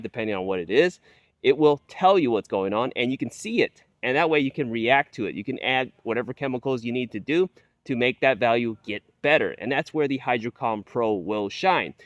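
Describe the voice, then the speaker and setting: A man's voice: medium pitch, no echo. A man giving an explanatory product review to viewers, repeating key points for emphasis. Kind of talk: product review talk to camera.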